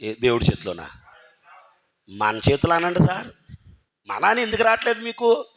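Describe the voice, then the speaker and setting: Male preacher, high voice, emphatic sermon full of questions put to listeners. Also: wildly swooping pitch, normal speed, a bit bright. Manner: keeps firing rhetorical questions at the congregation and calling on listeners by name; emphatic, urging listeners to think carefully. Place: church hall.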